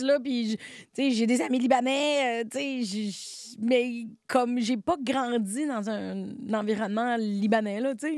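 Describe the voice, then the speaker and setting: A woman's voice: on the high side, no echo, clean studio sound. A middle-aged woman from Quebec with a Québécois accent, chatting in an interview as a guest comedian, laughing often and self-deprecating, with lots of fillers. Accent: Québécois French. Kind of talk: casual interview conversation.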